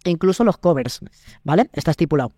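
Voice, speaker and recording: On the high side with a dark tone, this young man's voice moves quickly with lively intonation, recorded cleanly in a studio without echo. He's a Spanish actor with a Spain Spanish accent, guesting on a podcast, casually explaining his craft and performing quoted lines.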